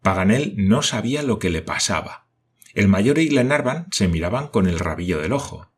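A man's voice: on the low side, expressive, moderate pace, a little hiss or hum. A man narrating an adventure novel as an audiobook, reading evenly in a storytelling manner. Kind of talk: scripted narration.

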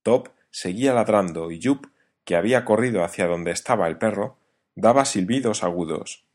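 A man narrating a novel as an audiobook, in a measured storytelling reading. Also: fairly low pitch, darkish tone.

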